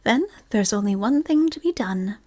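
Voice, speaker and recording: A woman voicing a kind, fond little boy in whispered role-play, soft and reassuring. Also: mid-range voice, lively intonation, moderate pace, natural voice.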